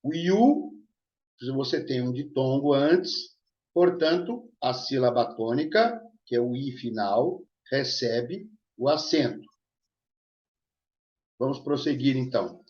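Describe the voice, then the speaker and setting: A man's voice: medium pitch, expressive, takes it slowly, darkish tone. A man with a Brazilian Portuguese accent teaching a grammar lesson in an explanatory way, often checking in with his listeners. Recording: roomy, dull lo-fi sound.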